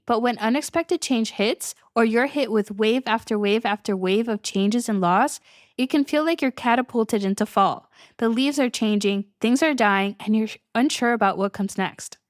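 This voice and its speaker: On her solo podcast, a young adult coach talks in a fairly high, animated voice at a moderate pace, upbeat and casual with many little laughs. The sound is dry and clean, studio grade.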